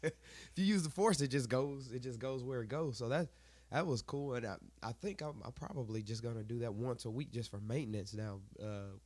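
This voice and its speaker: A man's voice: medium pitch, a little fast, a little mellow, no room sound. A man, congested and worn from singing, chatting casually as a podcast co-host. He rambles, corrects himself and laughs often. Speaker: podcast co-host, worship leader. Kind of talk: casual chat.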